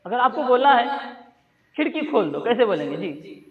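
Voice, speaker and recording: An Arabic teacher with a very high, sing-song voice runs a classroom language drill, prompting students for a phrase, then repeating and explaining their answers. The lo-fi recording sounds dull, with students audible in the room like a crowd behind him.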